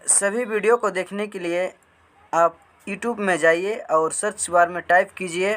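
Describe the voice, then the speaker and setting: A man's voice: sits high, steady tone, fairly bright tone. A man teaching Urdu script in a spoken lesson, explaining patiently and asking and answering his own questions. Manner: spells out letters slowly.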